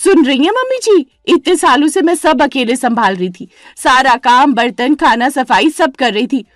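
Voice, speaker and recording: A woman voicing a bossy, scheming elder daughter-in-law in a dramatized story, talking loud and complaining. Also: fairly high pitch, expressive, moderate pace, no room sound, clean studio sound, soft background music, voice pushed up, lightly acted. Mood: shrill, indignant.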